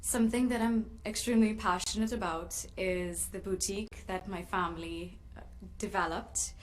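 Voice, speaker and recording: A woman's voice: mid-range voice, fairly even intonation, normal speed, rough recording. A twenty-five-year-old woman from Trinidad and Tobago, giving a passionate, rehearsed pageant self-introduction. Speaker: pageant contestant.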